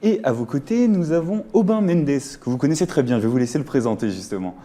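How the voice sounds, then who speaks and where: A man's voice: on the high side, lively intonation, quick pace, a crowd in the background. A male radio host leading an interview in a studio, prompting his guests and often finishing their sentences.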